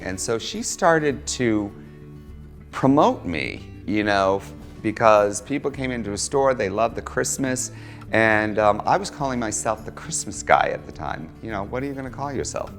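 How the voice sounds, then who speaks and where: A middle-aged man recounts his career in a relaxed documentary interview. His voice is low and gravelly. His manner is chatty, wry and teasing, and faint music plays behind him. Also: unhurried. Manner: wry, self-mocking, chatty. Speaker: interviewee, holiday decorator.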